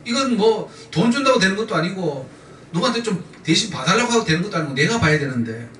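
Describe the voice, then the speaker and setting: A man's voice: high-pitched, expressive, fast, a bit bright, a little hiss or hum. A male pastor preaching a sermon with emphatic repetition, leading the congregation in call-and-response. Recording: echoey church sound from a distant mic.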